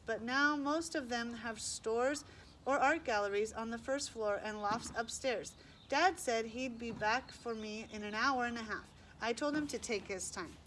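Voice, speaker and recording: Lady reading a kids book out loud, fairly high voice, faint hum behind. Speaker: reader. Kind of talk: reading a children's novel aloud.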